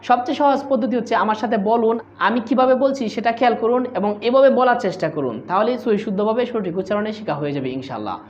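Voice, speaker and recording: Woman recitation teacher, Bangladeshi Bengali accent, brisk explainer with slow drawn model syllables, muffled recording. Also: fairly high pitch, lively intonation, darkish tone. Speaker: Quran pronunciation teacher. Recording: slightly muffled lo-fi audio.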